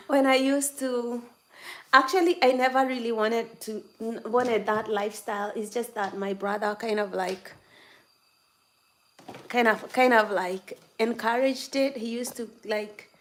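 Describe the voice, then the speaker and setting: In an echoey room with faint noise behind her, a livestream host over twenty-six chats casually from home, teasing viewers and frequently laughing. Her voice sits on the high side, with fairly even intonation and a slightly slow pace.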